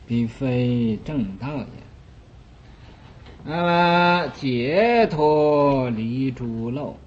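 A man giving a Buddhist dharma lecture, talking slowly and deliberately with many drawn-out "ah" fillers, explaining by acting out small everyday scenes, on a dull lo-fi recording. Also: medium pitch. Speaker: Buddhist teacher.

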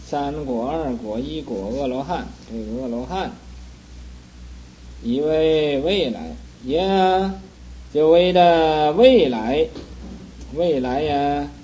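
Slow-speaking man giving a Buddhist sermon. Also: fairly high pitch, mellow, muffled recording, slight background noise. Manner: earnest, teasing scolding of listeners. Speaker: Buddhist teacher. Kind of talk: sutra lecture sermon.

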